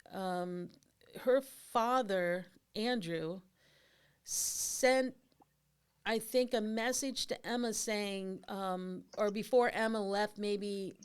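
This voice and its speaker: A woman hosts a casual discussion. Her voice is smooth and clear, and she talks in long, rambling, animated questions. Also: mid-range voice. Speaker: host.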